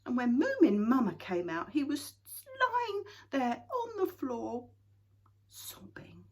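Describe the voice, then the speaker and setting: A woman reading a children's story aloud in an expressive, dramatic way. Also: high voice, measured pace.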